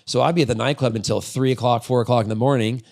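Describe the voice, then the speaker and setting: A quick-paced, steady, darkish voice of medium pitch belongs to a man in his forties guesting on a podcast. The former freestyle motocross rider and business owner tells long, casual stories in the interview, rambling openly and swearing freely.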